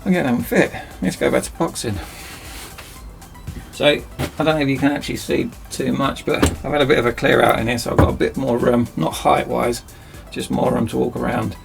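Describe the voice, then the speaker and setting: A man's voice: medium pitch, steady tone, fairly quick, gravelly, faint music behind. A man chatting casually and self-mockingly as he rambles through a DIY project in his cramped home workshop. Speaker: DIY video host.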